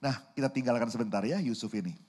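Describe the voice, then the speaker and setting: A man pastor preaching a sermon, telling a lively story and often addressing the congregation directly. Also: medium pitch, quick pace, breathy edge. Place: church.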